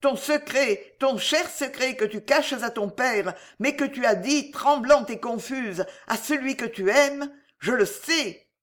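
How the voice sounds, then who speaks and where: An imperious, stern woman, as a female reader voices her, speaking in a steady middle register. She presses each word slowly and deliberately, commanding rather than asking. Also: high voice. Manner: firm, measured, commanding. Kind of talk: audiobook reading.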